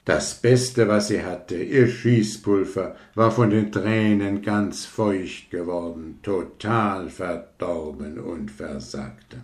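A man reads a fairy tale aloud in a slow, measured way. His voice sits on the low side and he takes his time over every phrase. The recording carries a noticeable roomy echo. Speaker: storyteller.

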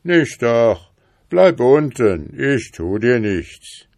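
Storybook lion, raised voice, brisk and friendly, read by a man. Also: on the low side, lively intonation, dry recording, voice pushed up. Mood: urging. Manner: urging, kindly. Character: wild male lion, gruff but friendly.

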